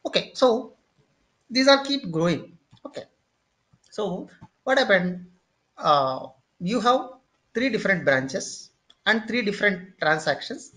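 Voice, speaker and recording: An instructor giving a screen-share tutorial lecture, explaining step by step, often pausing on "okay" and repeating or restarting phrases while thinking. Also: medium pitch, very animated, pushed and bright.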